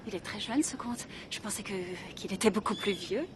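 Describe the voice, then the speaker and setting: An actress playing a deceitful schemer in a dubbed telenovela, coy and falsely polite. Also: female voice, medium pitch, brisk, noisy background, natural voice. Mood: curious, wary. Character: deceitful young female schemer feigning terminal illness.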